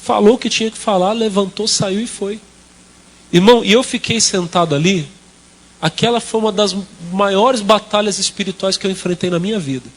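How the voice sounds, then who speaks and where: A man's voice: high-pitched, moderate pace. A man from Brazil with a São Paulo state accent, preaching a sermon as pastor and telling a personal story while addressing the congregation directly. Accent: Brazilian Portuguese, São Paulo state. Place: church hall.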